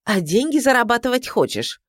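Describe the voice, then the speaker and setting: A shrill, bossy middle-aged mother-in-law, as a woman reader puts her on, her voice pitched high above the narration and swinging sharply as she scolds. She sounds indignant and scheming, pushing hard at everyone, in a close, dry audiobook reading. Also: big pitch swings, fairly quick, no room sound. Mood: furious. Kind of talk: audiobook character voice.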